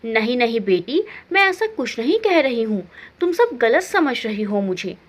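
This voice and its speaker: A stern, aging mother-in-law from a family storybook, as a woman narrator puts her on, speaking in a slow, measured, lecturing way about duty. The voice is lower than the narrator's own but still swoops up and down. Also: sing-song. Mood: defensive.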